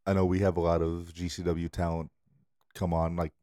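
A man co-hosting a wrestling podcast in casual chat, eager and quick to agree. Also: low voice, little pitch movement, dark tone, dry recording, studio quality. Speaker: podcast co-host.

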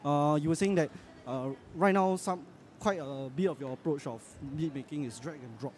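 A Singaporean man with a slightly high voice hosts a casual podcast while out and about. His talk is informal and colloquial, peppered with Singlish particles, and noisy public ambience is clearly heard around him. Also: normal speed, darkish tone. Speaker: podcast host.

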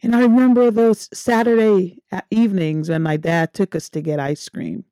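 A middle-aged woman from Guyana, hosting a podcast and telling her own story in a measured, earnest way. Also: mid-range voice, fairly even intonation, dark tone, no echo. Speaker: podcast host. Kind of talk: scripted personal monologue.

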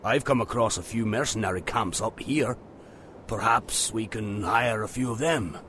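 An actor playing a gruff, loyal older dwarf warrior in a fantasy video game, hearty, blunt and wary. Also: male voice, lowish voice, moderate pace, fairly bright tone, slight background noise, lightly acted. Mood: doubtful. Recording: music behind the voice.

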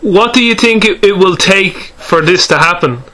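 A man hosting a podcast interview over a tinny, low-quality call connection, hesitating and restarting as he asks his questions. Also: moderate pace, pushed and bright. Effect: tinny low-quality call audio. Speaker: podcast host interviewing guests. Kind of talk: remote interview.

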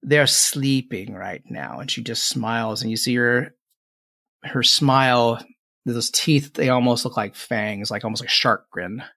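A man with a mid-pitched voice works as game master, improvising scenes for a tabletop fantasy game. He describes things in halting pieces, rephrasing as he goes. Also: steady tone, bright, forceful tone.

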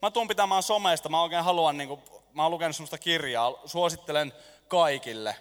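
A man preaching a lively sermon to a congregation, jokey and animated, staging a skit with volunteers. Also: fairly high pitch. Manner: animated, jokey, lets the room laugh. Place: church hall. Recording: long reverb of a large hall.

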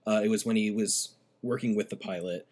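A man co-hosting a casual film review, talking in an opinionated, animated way. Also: on the low side, fairly quick. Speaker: podcast co-host.

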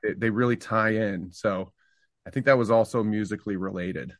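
A Canadian singer-songwriter in middle age talks reflectively about earlier years during a relaxed interview, full of fillers and restarts. His lowish voice moves at a normal speed, recorded at studio quality without echo.

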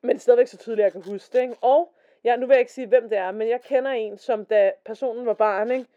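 A woman's voice: a little high, steady tone. A woman co-hosting a casual podcast, reading stories aloud and chatting. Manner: chatty, reads quotes in a slower voice. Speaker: podcast co-host. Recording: dull lo-fi podcast recording.

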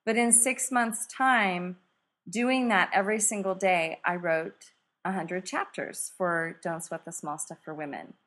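A woman's voice: on the low side, unhurried. A middle-aged woman author, guest in a conversation, telling a story and acting out quoted lines with laughter. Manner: animated, acts out quotes with laughter.

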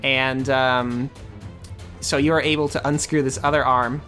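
A man's voice: medium pitch, a little slow, faint music behind. Laid-back male game master. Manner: relaxed, hesitant, full of fillers. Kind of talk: narrating a tabletop game.

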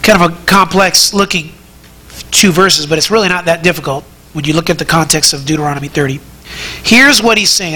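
Bright, high-voiced male preacher. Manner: earnest, repeats words when starting phrases, rising emphatic peaks. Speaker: pastor. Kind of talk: sermon.

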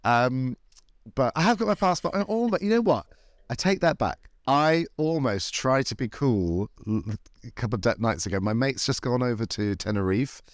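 A man's voice: mid-range voice, animated, normal speed, no room sound, studio quality. A British man hosting a show with the theatrical, flamboyant manner of a campy drag queen, chatting comedically. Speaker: podcast host, cult movie show. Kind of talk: casual comedic chat.

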